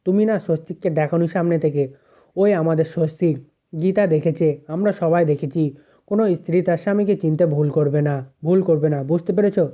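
A man's voice: a little high, fairly quick, close to an everyday voice. A man voicing an older father who insists on fighting for his son. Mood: determined. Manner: insistent, repeats himself. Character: older father, grieving and determined. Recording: tinny phone-like audio.

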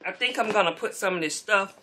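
Talking fast in a mid-range voice, a middle-aged woman tidies her beauty room and keeps up a casual, relaxed chat with viewers, addressing them as "y'all." She's a beauty vlogger filmed in a bedroom, and the camera mic shifts around as she goes.

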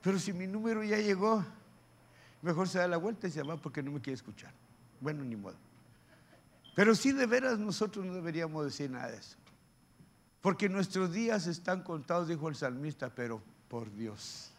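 Fervent high-voiced preacher. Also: male voice, big pitch swings, normal speed. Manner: fervent preaching that swings from loud exhortation to soft, joking asides. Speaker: pastor. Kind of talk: sermon.

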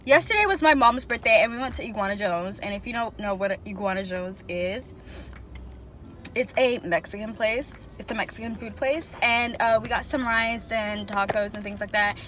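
A young woman chatting casually to camera as a vlogger, expressive and loose, with plenty of fillers. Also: mid-range voice, normal speed, noisy background. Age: young adult. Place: room at home.

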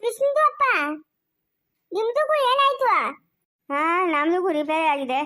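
A woman's voice: extremely high pitch, very animated, unhurried, bright, forceful tone, voice pushed up, exaggerated voice. A woman voicing a chatty newcomer neighbor woman who speaks broken Kannada, repeating her calls over and over in a home-made family skit. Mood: pestering. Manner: mangled grammar, repeats a call over and over.

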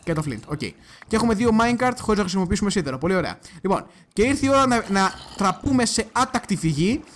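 A man giving casual gameplay commentary, chatty and excitable, talking straight to his viewers and now and then bursting into loud cursing. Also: high voice. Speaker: gaming video creator.

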